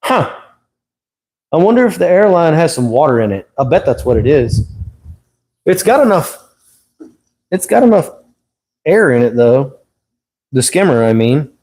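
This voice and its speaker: A man's voice: a little high, very animated, unhurried, long pauses, a little mellow. Casual middle-aged man teaching on a stream. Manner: rambling, self-correcting, chuckles often. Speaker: host of an aquarium livestream.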